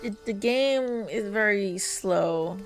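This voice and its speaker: A woman's voice: mid-range voice, slow pace. A young woman streamer giving casual let's-play commentary, tired and rambling with lots of fillers. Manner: chatty, rambling with many fillers. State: tired, yawning. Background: game music.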